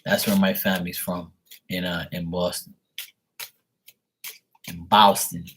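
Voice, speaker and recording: A man's voice: low-pitched, level tone, unhurried, fairly bright tone, a little hiss or hum. A man from Bermuda, a tarot reader telling a rambling story on a live stream, blunt and swearing casually.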